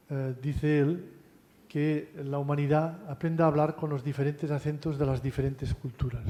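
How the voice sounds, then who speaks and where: A man giving a university lecture in a relaxed, conversational way, often adding tag questions and restarting phrases. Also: fairly high pitch. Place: lecture hall. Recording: long hall reverb.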